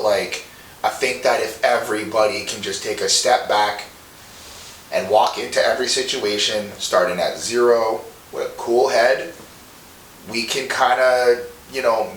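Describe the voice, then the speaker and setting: A man's voice: medium pitch, a bit bright. Earnest profane man in his twenties. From Montreal. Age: 20s. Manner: rambling, profane, earnest, many restarts. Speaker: rapper guest. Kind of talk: casual monologue interview. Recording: roomy echo, distant mic, faint hiss.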